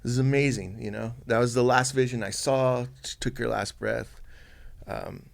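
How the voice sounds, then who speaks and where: A man, a podcast guest telling a personal story softly and haltingly, with many fillers and restarts. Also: mid-range voice, steady tone, gravelly.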